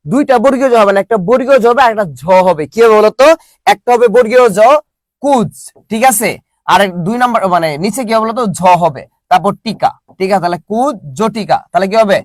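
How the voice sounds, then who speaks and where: High-voiced playful online teacher, man. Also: no echo. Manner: playful, drills students with call-and-response questions. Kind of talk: live online class.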